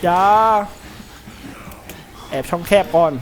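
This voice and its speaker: A man's voice: slow, darkish tone, slight background noise. A man commenting as he plays a horror game, talking to himself and yelping when startled. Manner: jumpy, talks to himself, yelps when startled. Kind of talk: gameplay commentary.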